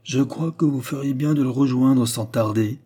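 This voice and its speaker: A man's voice: mid-range voice, normal speed, dark tone, pitched above the performer's own voice, close to an everyday voice. A man reading an urgent, anxious protector. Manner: urgent, pressing. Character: anxious middle-aged male protector, urgent.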